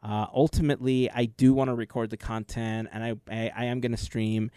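A man explains his gaming experience at length and in earnest while co-hosting a casual podcast, and he creates gameplay videos too. He speaks brisk and level in a mid-range voice that is warm and smooth, recorded with no echo.

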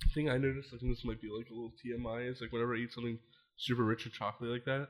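A man's voice: medium pitch, little pitch movement, racing. A young man hosting a podcast, chatting casually and upbeat, with lots of filler words. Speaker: podcast host. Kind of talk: casual chat.

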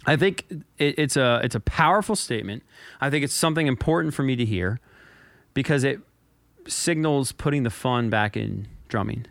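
Male podcast host, smooth resonant voice, dry close sound, rambling anecdotes. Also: medium pitch, normal speed, fairly bright tone, no room sound. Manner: storytelling, rambling with restarts and stutters. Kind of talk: casual chat.

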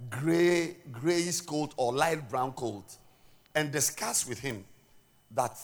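A Ghanaian-accented pastor speaks slowly in a slightly high voice during his sermon. He shifts between loud statements and quiet side remarks, repeating words each time he restarts.

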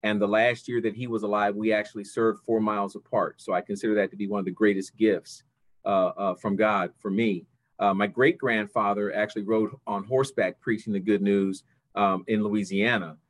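An older man with a somewhat low voice answers as an interview guest on a video call. He talks conversationally but haltingly, with many pauses as he gathers his phrases. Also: flat delivery. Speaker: interview guest, church district superintendent.

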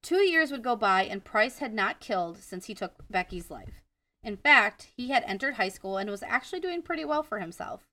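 A woman's voice: a little high, expressive, moderate pace, sharp tone, no room sound, recorded from a distance. A woman with a Wisconsin accent co-hosting a casual true-crime podcast, reading the case from her notes and stumbling over names now and then. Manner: reads from notes, stumbles on names, laughs at herself. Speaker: podcast co-host.

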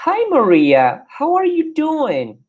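A woman reading the lines of a hungry young man in a textbook dialogue, slowly and carefully. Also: sits high, huge pitch swings, narrow, tinny audio, voice pushed up, heavily acted. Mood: plain. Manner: slow, carefully pronounced example lines.

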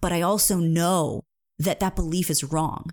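A woman in her thirties speaks as a singing coach, earnest and emphatic, weaving a personal story into a pep talk. Her voice sits a little low for a woman. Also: steady tone, measured pace, darkish tone. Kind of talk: motivational talk to camera.

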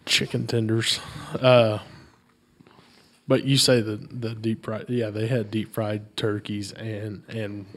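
A married man chatting casually as a co-host, loud and quick to laugh at himself. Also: on the low side, level tone. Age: adult, married. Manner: loud, laughing, self-mocking. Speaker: podcast co-host. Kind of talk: casual chat.

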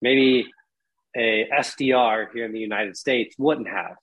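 Husky-voiced male podcast host. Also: mid-range voice, a little slow, fairly bright tone, rough recording. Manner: casual, hedging questions with "kind of" and "um". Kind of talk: interviewing a guest.

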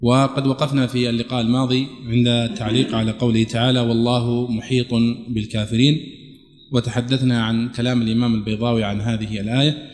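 A man teaching a religious text class, explaining each point in a measured, step-by-step way. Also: mid-range voice, flat delivery. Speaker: sheikh teaching a tafsir class. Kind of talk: classroom commentary lecture. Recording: echoey hall reverb.

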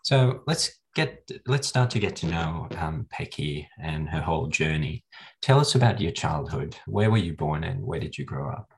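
A young man hosting an interview, his voice sitting very deep. He is a medical student who keeps the talk moving with encouraging affirmations. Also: animated, moderate pace.

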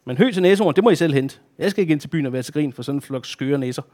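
A gruff farmer, suspicious and scoffing, with a somewhat high, pinched voice, as a man reads him aloud. He sounds incredulous at everything. The scene comes from a children's storybook reading. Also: expressive, darkish tone. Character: suspicious, gruff grown male farmer on the phone.

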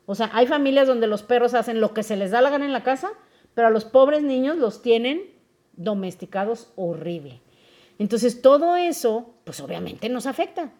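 A woman's voice: fairly high pitch, normal speed. A young woman with a Mexican accent, hosting a podcast in a casual, explaining way and often checking in with her listeners. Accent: Mexican Spanish. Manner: lively, asks listeners questions often. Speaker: podcast host.

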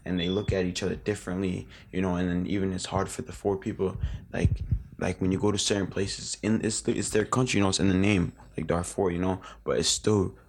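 Young man, late teens, very low voice, gravelly fry, rambling casual interview talk, many fillers and restarts. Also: little pitch movement, brisk, a little hiss or hum. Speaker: interview guest.

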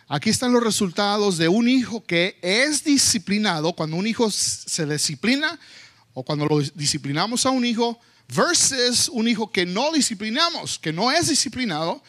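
A man preaching a sermon to his congregation, animated and mixing in English phrases, sometimes acting out loud scoldings of his children. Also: sits high, moderate pace. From United States. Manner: slips between Spanish and English. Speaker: pastor.

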